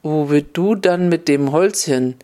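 A man's voice: a little high, measured pace, warm tone, lightly acted. A man playing a suspicious forester who questions and accuses, in a stern manner.

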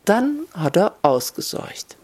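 Gentle good fairy, read by a narrator. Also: mid-range voice, big pitch swings, takes it slowly, husky, voice pushed up, heavily acted. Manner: gentle, soothing. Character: kind woman, a good fairy.

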